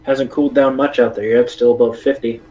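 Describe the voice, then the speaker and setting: A man's voice: medium pitch, steady tone, fast talker, dark tone, highs cut off. A man from South Texas bantering casually and easily as a co-streamer. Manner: easygoing, laid-back banter. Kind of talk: casual chat.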